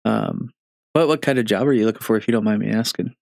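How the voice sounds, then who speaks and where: A man's voice: on the low side, fast talker, creaky, darkish tone, slight background noise. A man streaming a game and chatting casually, talking with half his face numb from the dentist. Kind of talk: casual livestream chat. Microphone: close streaming microphone.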